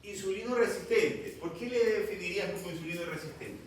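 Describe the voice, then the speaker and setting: Speaking to a class of medical students, this man can be stern and scolding. His voice is high and fairly quick. The sound is distant and echoey, as in a classroom, with slight background noise.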